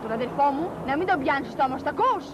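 A shrill nagging wife. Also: female voice, lively intonation. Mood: scolding. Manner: shouting, scolding. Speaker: Vasilis's wife. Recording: noisy 1980s film soundtrack.

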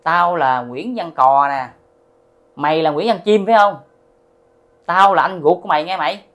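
A man voicing the angry ghost of a dead older brother, scolding loudly and roughly. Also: on the high side, fairly quick, lightly acted. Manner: loud scolding, rough talk.

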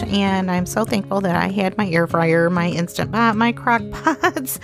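A woman hosting a home cooking vlog, narrating her dishes in a chatty, homey way with small laughs. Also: lowish voice. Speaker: cooking channel host. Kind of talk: casual cook-along narration. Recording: music playing underneath.

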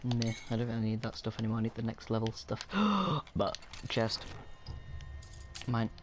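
A man giving casual, excitable gameplay commentary, swearing often and chatting to himself. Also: lowish voice, a little fast, noisy background. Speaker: gaming video creator. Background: game music.

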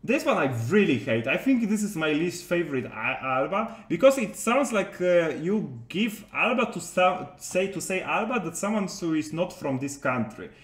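A man's voice: high voice, big pitch swings, moderate pace, hardly any pauses, fairly bright tone, roomy sound. A man talking casually to his viewers as a game content creator, rambling with many hesitations and restarts, in non-native English.

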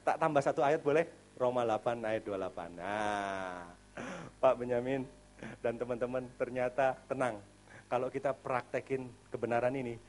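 A male pastor giving a sermon at a church service in a casual, animated way, swinging between loud emphasis and quiet asides. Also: medium pitch, a little hiss or hum.

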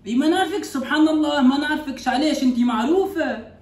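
High pitched-up Tunisian man teasing. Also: fast. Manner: teasing, repetitive, playful. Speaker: comedy video host. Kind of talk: teasing comedy banter. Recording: roomy echo.

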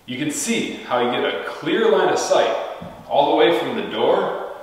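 A man's voice: on the high side, lively intonation, a little slow. Young adult American male builder-host, explanatory delivery, heavy cave echo and long reverb from an empty house interior. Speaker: home builder hosting a project video. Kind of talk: explanatory presenting to camera. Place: large empty unfinished house interior, indoors.

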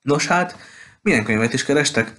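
A man's voice: medium pitch, expressive, fairly bright tone, pitched above the performer's own voice, natural voice. A man voicing a talkative, gushing petite woman who runs a bookshop, in an audiobook. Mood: chatty. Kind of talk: audiobook character voice.

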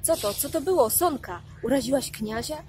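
A woman's voice: on the high side, normal speed, slight background noise, lightly acted. Woman reading as a furious scolding mother. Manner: angry, scolding. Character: harsh furious mother, middle-aged.

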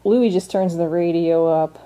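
Bright chatty woman recapping a show. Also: fairly low pitch, measured pace. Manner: chatty, opinionated, frequent restarts and "like". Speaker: recap vlogger. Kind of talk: casual episode recap and commentary.

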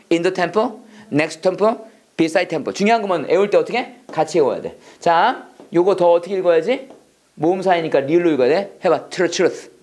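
A prayer-English instructor giving a classroom lecture with call-and-response drills. The instructor coaxes the class with questions, has them repeat, and switches between explanation and slow English model phrases. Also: medium pitch, a little mellow. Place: classroom with students answering.

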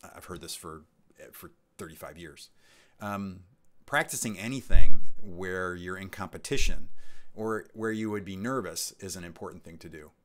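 A man hosts a casual live stream, reading out chat questions and answering them in a rambling way with lots of ums and restarts. His voice is low-pitched and fairly bright in tone, at normal speed.

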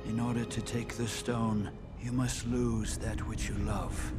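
An actor playing a solemn, ghostly guide guarding a relic in a film, speaking in a cryptic, formal way. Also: male voice, on the low side, level tone, a little slow, natural voice. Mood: solemn, ominous. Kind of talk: slow portentous film acting. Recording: film audio with loud score. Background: loud film music.

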